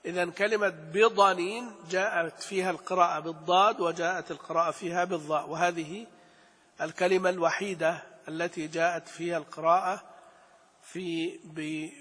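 Male tajweed teacher, slow and repetitive, chants verses; breathy voice in a reverberant hall. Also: sits high, fairly even intonation, fairly bright tone. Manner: slow, repeats key phrases, chants verses. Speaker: Quran recitation teacher. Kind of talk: religious lesson on tajweed.

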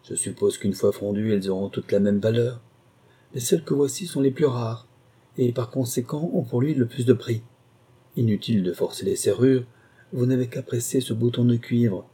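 A man's voice: medium pitch, normal speed, dark tone, breathy edge, natural voice. A man reading a story, voicing a scheming, sarcastic wife who mocks and goads a burglar. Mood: haughty. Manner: cold, mocking, haughty.

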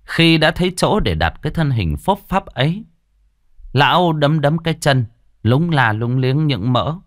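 Expressive male storyteller. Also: on the high side, a little slow, no room sound, clean studio sound. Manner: expressive, colloquial. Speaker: audiobook narrator. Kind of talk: storytelling narration.

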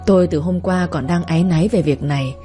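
A woman reading a first-person story in a calm, even way, over faint music. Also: lowish voice, quick pace. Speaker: narrator.

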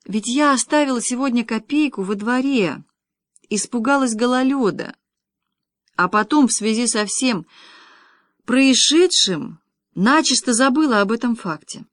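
A woman narrating a first-person audiobook in a wry, lively storytelling manner. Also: fairly high pitch, unhurried, no room sound, studio quality.

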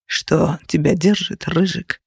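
A narrator voicing a mocking, menacing young man who threatens softly and sneers, in an audiobook. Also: fairly high pitch, fairly even intonation, gravelly, husky, dry recording, clean studio sound, full character voice. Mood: sneering. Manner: sneering, quiet and unhurried threats. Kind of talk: audiobook character voice.

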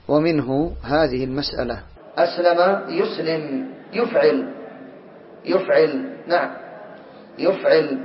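A man teaching a class, quizzing his students and calling on them, slowly repeating key words. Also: on the high side. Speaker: teacher of Arabic morphology. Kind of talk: classroom lecture. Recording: distant, roomy, dull lo-fi recording.

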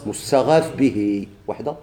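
Mellow-voiced Moroccan man teaching. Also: medium pitch, normal speed. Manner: asks questions and answers them himself, repeats key points. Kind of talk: Arabic grammar lesson.

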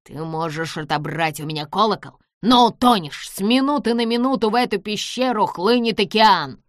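A woman's voice: medium pitch, normal speed, no echo, clean studio sound, close to an everyday voice. A woman voicing a spiteful little old man. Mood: gloating. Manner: shouting, gloating, cackling.

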